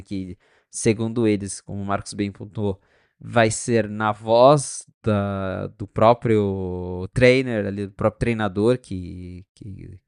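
A man co-hosting a podcast in casual tech chat, animated and chatty, acting out little dialogues with friends. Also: on the low side, vocal fry, no echo, clean studio sound. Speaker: podcast co-host.

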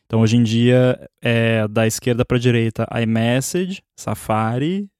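A man, hosting a relaxed tech podcast chat and rambling loosely with fillers. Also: mid-range voice, unhurried, clean tone, no echo, studio quality. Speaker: podcast host.

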